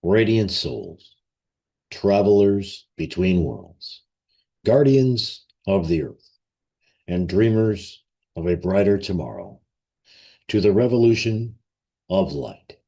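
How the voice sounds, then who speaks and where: Guiding a ceremonial meditation, a man with a fairly low, gravelly, husky, warm voice speaks very slowly, with long pauses between short phrases. His pitch swings widely, and his delivery is solemn and reverent, like a formal invocation.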